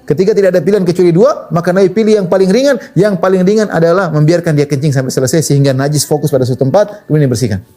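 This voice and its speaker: A man preaching a sermon, telling stories in an animated, conversational way with wide swings in pitch. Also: racing, hardly any pauses. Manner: casual conversational phrasing. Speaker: Islamic preacher.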